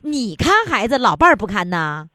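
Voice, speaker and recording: A woman host with a high voice that swings widely in pitch. She chats casually, asking question after question in a teasing, inquisitive way. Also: very animated, moderate pace, bright, forceful tone, dry recording, clean studio sound. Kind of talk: casual chat interview.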